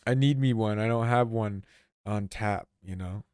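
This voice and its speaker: A man's voice: lowish voice, moderate pace, darkish tone, smooth, no room sound, studio quality. A young man co-hosting a podcast in casual chat, laid-back and swearing freely. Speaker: podcast co-host.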